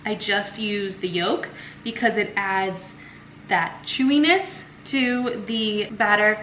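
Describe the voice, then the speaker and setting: A woman's voice: medium pitch, takes it slowly, fairly bright tone, echoey room, slight background noise. A young woman chatting casually through a cooking vlog in a home kitchen, rambling with lots of fillers and self-corrections. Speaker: food vlogger.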